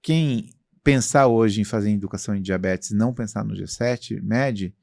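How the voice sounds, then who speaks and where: A man's voice: on the low side, moderate pace, gravelly, darkish tone, no room sound, clean studio sound. A Brazilian man being interviewed about his company, talking in a self-assured, expansive way with many fillers. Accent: Brazilian Portuguese. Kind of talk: casual interview talk.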